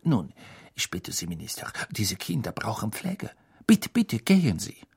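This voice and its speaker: A man voicing a stern, fussing middle-aged school nurse who scolds in a shrill, bossy way. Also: big pitch swings, measured pace, creaky, slightly rough, no room sound, studio quality, exaggerated voice. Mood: soothing.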